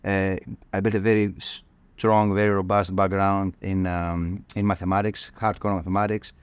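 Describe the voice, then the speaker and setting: Halting Greek-accented man, smooth voice. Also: deep voice, level tone, no echo, lo-fi sound. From Greece. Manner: halting, many fillers and restarts. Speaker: cardiologist guest. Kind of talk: podcast interview.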